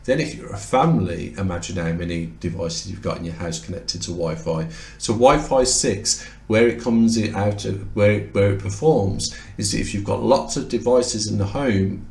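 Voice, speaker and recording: A man's voice: deep voice, vocal fry, darkish tone. A man losing his voice, talking casually and explaining as he compares two laptops in a review, now and then correcting himself mid-word. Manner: explanatory, conversational, occasional self-corrections. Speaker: tech reviewer. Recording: roomy echoey room sound.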